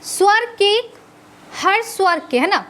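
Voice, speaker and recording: High-voiced woman teaching grammar. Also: lively intonation, fairly bright tone. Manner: asks the class questions and answers them herself, adds "है ना"; stretches sounds slowly to show how they are said. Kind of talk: classroom lecture.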